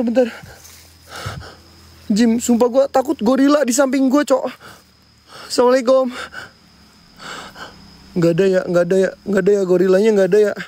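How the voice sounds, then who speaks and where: A man's voice: very high voice, a little mellow. A man hosting a night ghost-hunting vlog outdoors near a sacred tree, jumpy and frightened as he talks to his viewers. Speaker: paranormal explorer and host.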